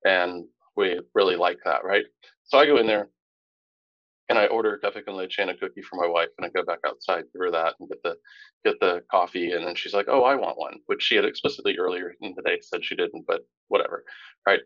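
Casting: low-voiced male podcast co-host, animated storyteller, dull dry lo-fi recording. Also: fairly quick, dry recording. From Tampa, Florida. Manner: animated storyteller, rising pitch when indignant. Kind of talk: casual storytelling chat.

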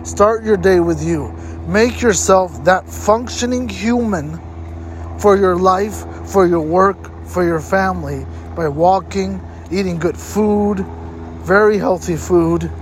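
A man with a high-sitting voice hosts a motivational health-tips talk to camera, speaking slowly and emphatically and repeating points for stress. Slight background noise is audible.

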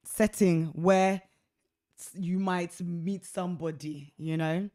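A woman in her thirties co-hosting a casual faith discussion podcast, chatty and expressive, laughing often. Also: fairly low pitch, slow pace, no room sound, studio quality. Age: 30s. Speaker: podcast co-host.

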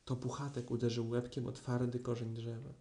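Man as a calm, kindly storybook boy. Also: medium pitch, a little fast, a little hiss or hum, lightly acted.

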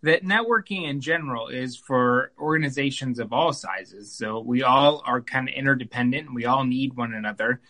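A man answering interview questions as a guest physician, measured and thoughtful. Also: mid-range voice, bright, forceful tone. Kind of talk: conversational interview.

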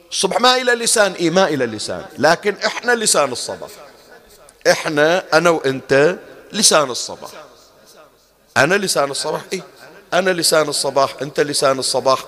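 A man's voice: a little high, a bit bright. Man giving a religious lecture. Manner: rhetorical questions, teaching tone. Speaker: preacher.

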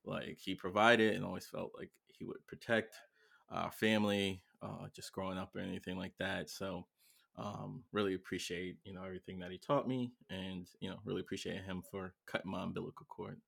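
A man in his thirties, a podcast co-host, chatting casually and telling stories with animated acted-out lines. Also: sits low, normal speed, vocal fry. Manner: animated storyteller, acts out his own shouts. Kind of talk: casual chat.

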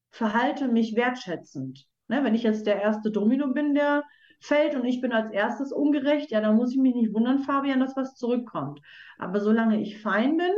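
A woman's voice: on the high side, darkish tone. A woman, a children's book author, talking earnestly in an interview and explaining her ideas with everyday examples and many fillers. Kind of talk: conversational podcast interview. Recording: roomy, dull lo-fi sound.

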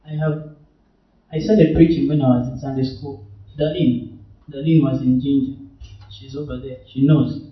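A man's voice: on the high side, highs cut off. A young man preaching at a retreat Q&A, exhorting the audience directly and laughing often. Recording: echoey hall, mic far off.

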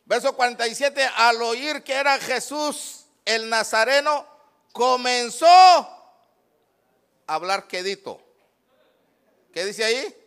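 A male pastor preaching a fervent sermon, swinging between shouts and low asides. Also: unhurried.

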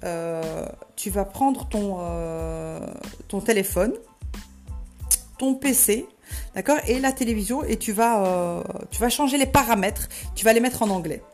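A woman's voice: mid-range voice, unhurried, darkish tone, lightly acted. A woman voicing a confident female friend who firmly gives step-by-step instructions, with faint music behind. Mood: firm, encouraging.

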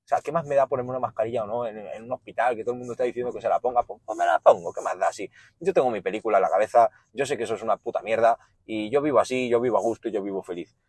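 Very fast and mid-pitched, with no echo, a podcast host rattles off stories in an offhand monologue, crude and direct, mimicking the people he describes.

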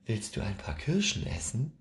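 A man's voice: lowish voice, huge pitch swings, moderate pace, pitched above the performer's own voice. Man doing a fussy motherly sheep. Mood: fussing. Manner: scolding, caring. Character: gentle motherly female sheep baker, fussy.

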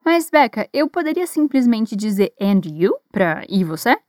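An encouraging woman teacher with a Brazilian Portuguese accent, leading repeat-after-me drills in an English lesson. Her voice sits a little high. The sound is dry and close, and she says each model phrase slowly and carefully. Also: big pitch swings, a little mellow, dry recording.

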